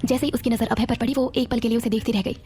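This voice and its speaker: A woman narrating a romantic audio series in a steady storytelling manner. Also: fairly high pitch, rapid-fire.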